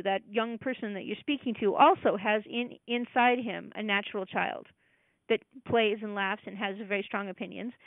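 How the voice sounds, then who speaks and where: A woman's voice: on the high side, no room sound. A woman presenting a casual talk, explaining ideas conversationally and acting out parent and child voices in quotes. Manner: conversational, with many fillers and restarts. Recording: dry, tinny phone-like audio.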